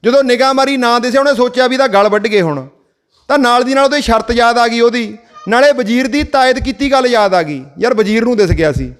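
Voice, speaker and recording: A man with a Malwa Punjabi accent addresses a village gathering in a very high, smooth voice. He keeps asking the crowd rhetorical questions and drives his points home through folk parables. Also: a little fast. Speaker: activist speaker.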